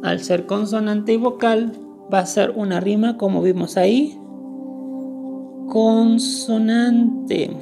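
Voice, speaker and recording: A woman's voice: mid-range voice, steady tone, moderate pace, creaky, music in the background. A woman explaining a lesson step by step, going over each point carefully and repeating the key words. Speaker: teacher. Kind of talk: screen-recorded lesson.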